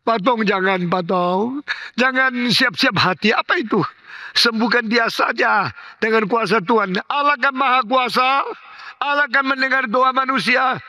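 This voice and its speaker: A man's voice: measured pace, pushed and bright, heavily acted. A male preacher voicing a distraught young wife who insistently denies that her husband could die. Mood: pleading. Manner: shrill, insistent denial.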